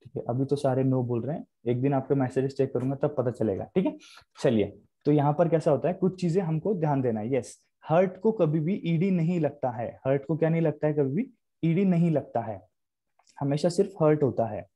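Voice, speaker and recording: A man's voice: on the high side, animated, brisk, warm tone. A young man teaching English grammar in a live online class, explaining in Hindi with English terms and repeating key points.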